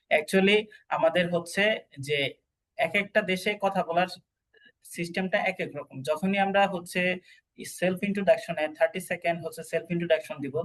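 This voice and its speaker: A man's voice: a little high, rough recording. A man teaching an online exam-prep class, explaining step by step and checking that students follow. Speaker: PTE exam instructor.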